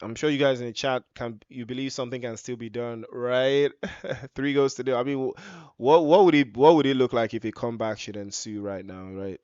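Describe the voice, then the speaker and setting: A man doing live esports football match commentary, stretching out excited shouts on goals and big chances. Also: mid-range voice, moderate pace, clean tone, no room sound, dull audio.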